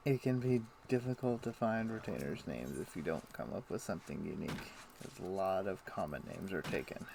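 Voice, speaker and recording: On a live stream, a man chats casually and thinks aloud while playing a game, his deep voice animated, brisk, gravelly and slightly mellow. The home stream audio is noisy.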